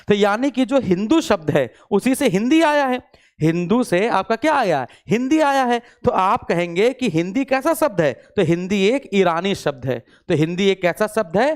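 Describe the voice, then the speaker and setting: This is a male teacher in the middle of an online exam-prep lesson. He repeats each point, quizzes the class with quick questions and answers them himself, and drops in English words as he goes. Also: high-pitched, clean tone. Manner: repetitive call-and-response questioning; mixes English words into speech.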